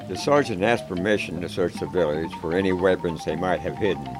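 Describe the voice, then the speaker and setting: Telling his own story in the first person, a very deep-voiced man speaks calmly, plainly and at a measured pace. Background music is clearly audible under the narration.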